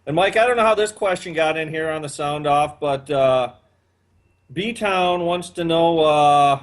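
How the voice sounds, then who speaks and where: A man's voice: a little high, a little slow. A man in his fifties hosting a casual chat, rambling with many fillers. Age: 50s. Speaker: podcast host.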